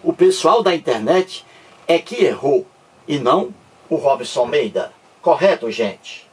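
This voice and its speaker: A male teacher explains a grammar point slowly and patiently, his voice lively in pitch and a little husky. He keeps checking that his listeners follow, and he sounds distant from the microphone. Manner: slow, repetitive, checks understanding with the class. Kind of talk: grammar lesson.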